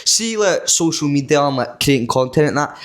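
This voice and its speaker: A man's voice: fairly high pitch, lively intonation, a little fast, fairly bright tone. A Scottish man co-hosting a podcast, talking in a laid-back, casual way and often agreeing with his co-host. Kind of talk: casual chat.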